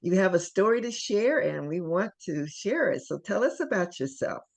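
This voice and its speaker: A woman's voice: lowish voice, very animated, moderate pace, vocal fry. A woman from Ohio hosting an interview, affirming her guest and laughing along. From Dayton, Ohio. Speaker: host.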